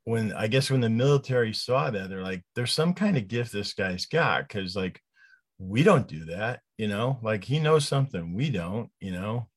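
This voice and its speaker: A man in his sixties talking casually and reminiscing in a halting, folksy way. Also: fairly low pitch, expressive, slightly rough. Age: 60s.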